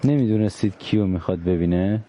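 A man's voice: deep voice, warm tone, muffled recording. A man hosting an interview, asking precise questions and pressing for exact details. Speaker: interviewer host. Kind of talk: probing studio interview.

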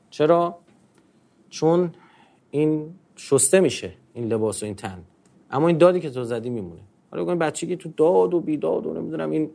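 A man's voice: mid-range voice, a little mellow. A man giving a conversational religious talk on marriage. He talks in an informal way with polite fillers, and he keeps asking rhetorical questions and answering them himself.

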